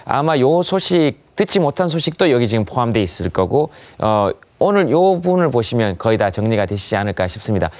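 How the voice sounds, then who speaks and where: A male talk show host conducts a live interview. His pitch swings widely as he speaks, and his conversational delivery has a jocular, teasing edge. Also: sing-song, brisk, hardly any pauses, a little mellow, no room sound.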